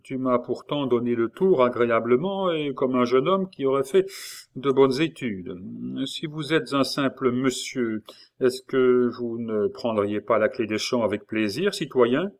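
A man's voice: mid-range voice, unhurried, close to an everyday voice. A man reading aloud and voicing a sly, jovial male tavern-keeper and convict who talks in a familiar, mocking way.

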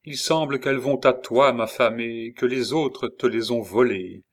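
Storybook role: earnest, tender young husband, read by a male narrator, slightly lifted and warm. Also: medium pitch, unhurried, natural voice.

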